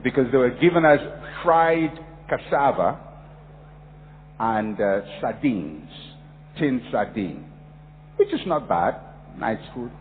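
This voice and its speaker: A man's voice: medium pitch, expressive, slow, pauses often, a little hiss or hum. A man from Ghana preaching a sermon, emphatic and repetitive, telling stories from his own life. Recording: phone-like audio in a reverberant hall.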